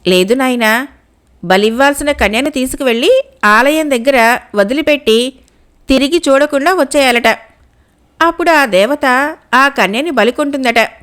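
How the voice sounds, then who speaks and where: A motherly old village woman from an audio folk tale, voiced by a woman storyteller. She speaks warmly and pleadingly in a high voice, with little change from the narrator's own. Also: moderate pace, long pauses. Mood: sorrowful.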